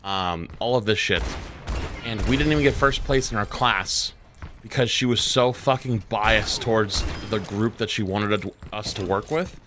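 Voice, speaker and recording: A young man streaming a game, telling a story in casual chat with lots of swearing, fillers and animated bursts. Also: on the low side, unhurried, background noise. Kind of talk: casual chat while gaming.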